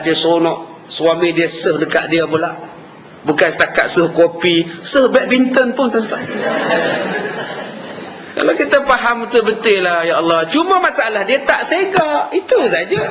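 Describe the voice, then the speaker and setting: A man with a Malaysian Malay accent giving a lively religious lecture, acting out quarrels between husbands and wives. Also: sits high, slight background noise. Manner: animated, acts out quarrels between spouses. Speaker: preacher. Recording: hall reverb with faint ambience.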